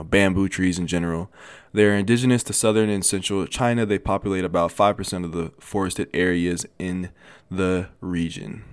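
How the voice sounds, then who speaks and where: A man in his twenties telling a motivational story in a casual, animated way, with many restarts and repeated phrases. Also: low-pitched, clear, resonant tone, dry recording. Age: 20s. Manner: animated, repetitive, lots of restarts. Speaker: motivational vlogger.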